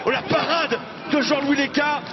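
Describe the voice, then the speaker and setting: A man giving excited live football commentary, exclaiming and stretching out key words as play unfolds. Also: very high-pitched, normal speed. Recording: dull lo-fi broadcast over loud crowd. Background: loud stadium crowd.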